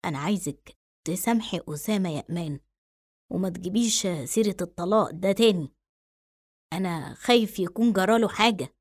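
A woman's voice: lowish voice, lively intonation, a little fast, darkish tone, pitched below the performer's own voice. A woman voicing a worried, hot-tempered older father with an Egyptian accent, agitated and threatening. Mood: pleading.

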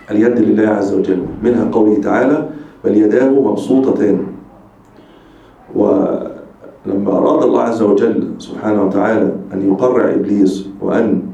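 A man's voice: lowish voice, brisk, vocal fry, dark tone. A man giving a religious lecture as a sheikh, explaining emphatically and restating his points. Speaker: sheikh teaching a religious text. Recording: echoey, distant, dull lecture recording.

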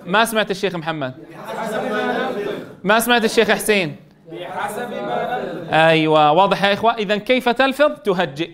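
A man who trains Quran teachers. He spells words out slowly, syllable by syllable, and checks with his students. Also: sits high, a bit bright. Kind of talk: online lesson on spelling and recitation.

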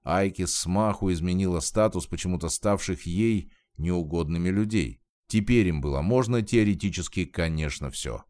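A man narrating a novel aloud in an expressive storytelling manner. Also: low voice, moderate pace, few pauses, no echo. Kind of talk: audiobook reading.

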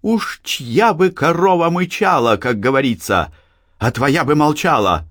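Male reader playing a sharp-tongued young wife, raised pitch, lively, dry close sound. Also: a little slow, no room sound. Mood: defiant. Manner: sharp, mocking retorts. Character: defiant young married peasant woman, sharp-tongued. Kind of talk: audiobook reading.

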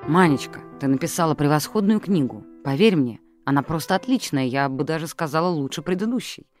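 A woman's voice: deep voice, expressive, brisk, darkish tone, faint music behind. A reader voicing an older woman who insists and reassures her younger friend. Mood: praising.

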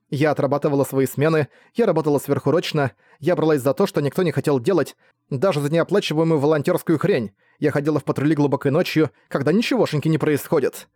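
A man's voice: a little high, a little mellow, no echo, clean studio sound, natural voice. A man voicing a blunt, hot-tempered young woman superhero who swears when irritated.

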